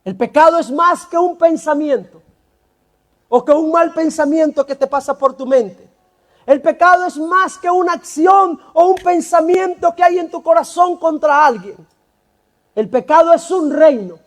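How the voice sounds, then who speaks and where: A man preaching a sermon in a church, pressing the congregation with rhetorical questions and forceful emphasis. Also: very high voice, unhurried. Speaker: pastor.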